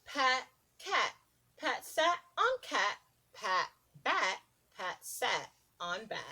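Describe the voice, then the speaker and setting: Reading a rhyming picture book to small children, a woman who teaches preschool uses an expressive, sing-song, deliberate style. Her voice sits somewhat high.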